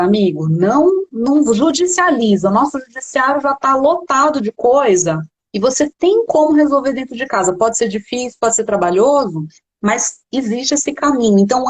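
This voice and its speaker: A Brazilian woman hosting a live-streamed interview, reading out audience questions in a lively, chatty way. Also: on the high side, slightly rough, rough recording. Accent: Brazilian Portuguese. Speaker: interviewer, editor-in-chief.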